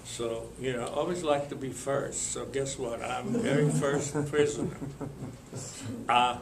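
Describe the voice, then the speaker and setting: An older man from Lithuania, telling his life story to an audience in a slow, halting way with many pauses and fillers. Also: medium pitch, fairly even intonation, reverberant, background noise. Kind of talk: spoken testimony to an audience.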